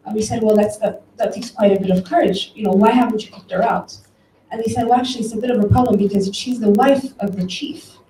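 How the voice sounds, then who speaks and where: A woman from Ethiopia, a conference speaker who directs a tech company, tells stories and speaks directly to her audience in an informal talk in an event room. Her mid-range voice is warm, steady in tone and fast. The distant mic gives a roomy sound with faint background noise.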